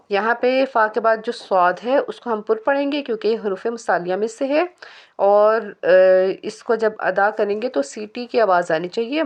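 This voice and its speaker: A woman teaching Quran recitation rules, spelling out letters and vowel marks and then reciting each phrase slowly and drawn out. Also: medium pitch. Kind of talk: step-by-step recitation lesson.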